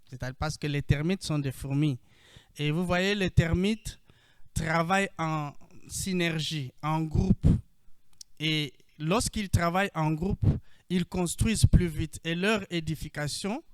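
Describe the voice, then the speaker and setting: Slow-speaking Congolese French man. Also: on the high side, darkish tone, clear, resonant tone, dry recording. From Democratic Republic of the Congo. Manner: measured, with frequent hesitations. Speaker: panelist, co-op founder. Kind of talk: panel introduction.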